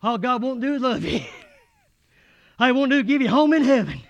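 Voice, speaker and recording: A man preaching a sermon in church, folksy and rising to shouted fervor. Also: very high-pitched, expressive, moderate pace, highs cut off. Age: 80s.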